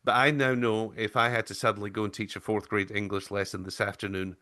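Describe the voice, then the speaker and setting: A man's voice: lowish voice, little pitch movement, fast talker, pushed and bright. A male podcast host and former teacher, interviewing a guest in an earnest, storytelling way. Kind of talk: casual interview talk.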